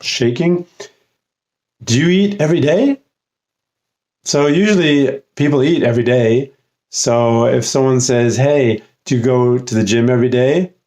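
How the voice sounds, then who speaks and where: A man explaining grammar in an unscripted lesson, his voice sitting at an ordinary middle pitch. He talks casually and unhurriedly, stopping often with fillers and restarting his sentences as he works through each point. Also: a little mellow. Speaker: English writing tutor.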